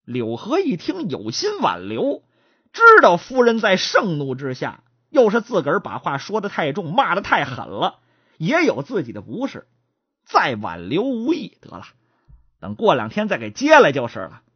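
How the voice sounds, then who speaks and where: Husky woman storyteller. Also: lowish voice, huge pitch swings, moderate pace, no echo, dull audio. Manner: chatty, addresses listeners. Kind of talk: traditional oral storytelling.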